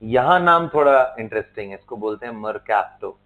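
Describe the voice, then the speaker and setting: A man lectures his chemistry class in Hindi and English, his voice on the low side, expressive and at a moderate pace. He spells terms letter by letter and checks in with students; the audio is tinny and lo-fi, like a phone call.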